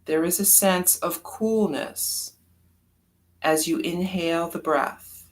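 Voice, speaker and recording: The guided meditation comes from a yoga nidra teacher whose medium-pitched voice stays soft, calm, and unhurried, punctuated by long pauses.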